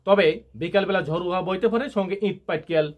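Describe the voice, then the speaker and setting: A man's voice: high-pitched, brisk, highs cut off, close to an everyday voice. A man playing a parody news anchor, reading absurd bulletins with mock seriousness. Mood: mock-serious.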